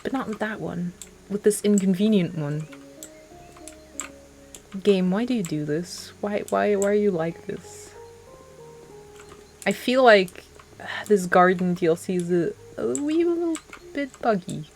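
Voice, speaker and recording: A young woman talks her way through a game on a desk mic, rambling and poking fun at herself with frequent laughs. Her pace is unhurried. Soft music sits faintly underneath. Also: mid-range voice. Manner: rambling, self-mocking, laughs often. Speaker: streamer. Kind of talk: casual gameplay commentary.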